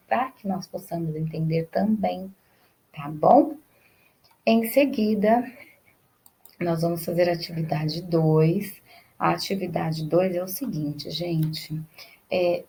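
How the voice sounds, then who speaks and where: A woman's voice: on the low side, vocal fry, dark tone, rough recording. A woman teacher explaining class activities step by step, often checking in with "tá bom?" and "né?". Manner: explains step by step, repeating phrases. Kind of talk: remote class lesson.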